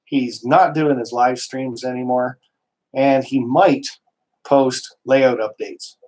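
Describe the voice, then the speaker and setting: A man's voice: mid-range voice, fairly even intonation, slow pace, a little mellow, low-quality recording. A man hosting a casual live stream, worked up and emphatic, rambling with restarts and mild swearing, from Canada.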